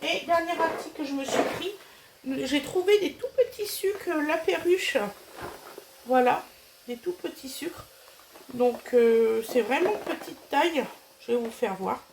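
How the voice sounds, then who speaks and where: A middle-aged woman with a stuffy head cold chats her way through a grocery haul, pausing on fillers as she goes. Her voice sits a little high and turns gravelly at the ends of phrases, with a faint background hiss on the recording. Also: lively intonation. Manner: chatty, hesitant with many fillers. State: nasal, has a cold. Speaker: vlogger showing a grocery haul. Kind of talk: casual chatty haul vlog.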